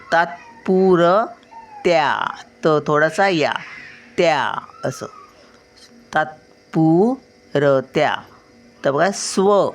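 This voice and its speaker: Slow, low-voiced grandmother teaching reading. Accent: Marathi. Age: older. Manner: slow, careful pronunciation, repeats each word. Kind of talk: reading lesson for children.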